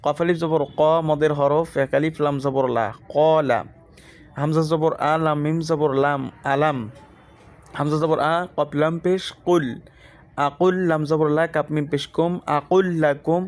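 Man slowly spelling out Quran letters. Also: fairly high pitch. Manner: slow, methodical letter-by-letter drilling. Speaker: Quran reading teacher. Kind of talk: spelling out Arabic letters and vowel marks for learners.

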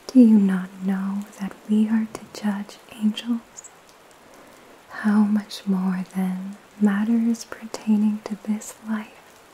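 Young woman doing soothing spa-like asmr whisper, slow n soft, mellow, rain behind her. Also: mid-range voice, slight background noise, low-quality recording. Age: young adult. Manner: slow, calming, gentle, with pauses. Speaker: ASMR host reading scripture and praying. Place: small indoor room at home. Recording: steady rain sound behind the voice.

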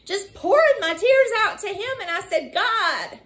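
A woman evangelist preaching with fervor, her high voice leaping up and down in wide swings. She speaks at an unhurried pace, stretching scripture out slowly and breaking into cries of hallelujah. She calls her listeners y'all. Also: animated, fairly bright tone. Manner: fervent, exclaiming hallelujah and woo. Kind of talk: sermon.

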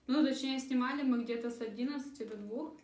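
A young woman vlogger chats casually while eating at a dining table in a small room for a mukbang vlog, recorded by a camera across the table. She talks fast in a high, slightly mellow voice, and the roomy recording carries faint cutlery and dish noise.

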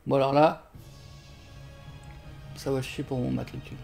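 A man streaming a fighting game from home on a desk mic, swearing and shouting at the game while chatting with viewers. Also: mid-range voice, little pitch movement, measured pace, gravelly, music in the background. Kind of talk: live gameplay commentary. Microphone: desk microphone.

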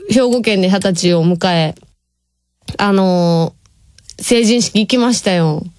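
A woman's voice: medium pitch, takes it slowly, darkish tone, dry recording. A woman in her twenties from Hyogo with a Kansai accent, chatting casually on her radio show and reading listener messages, laughing often. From Nishinomiya, Hyogo, Japan. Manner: chatty, laughs often, drawls some words. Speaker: radio host. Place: radio studio.

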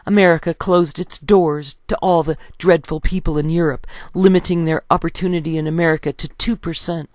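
A woman reading her own history book aloud in a steady, measured way, citing page numbers as she goes. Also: deep voice, no room sound, clean studio sound.

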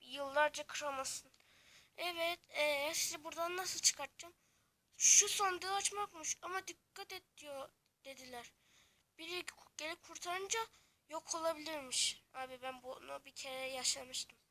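A woman's voice: high-pitched, a little slow, bright, forceful tone. A woman acting out a playful Minecraft story, chatty and dramatic as she switches between characters. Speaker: game story narrator. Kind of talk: playful Minecraft role-play, voicing several characters.

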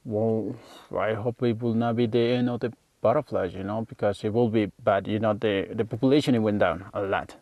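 A man, interviewed on location as a local guide, speaking haltingly and searching for words. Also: fairly low pitch, fairly even intonation, muffled recording.

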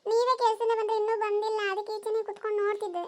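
Gentle young cartoon wife, voiced by a woman. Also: very high voice, level tone, rapid-fire. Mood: caring.

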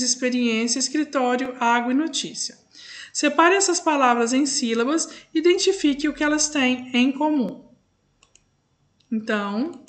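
A woman's voice: high-pitched, fairly bright tone. A woman teaching a recorded lesson with a Brazilian Portuguese accent, patiently explaining step by step and drawing out words as she says them.

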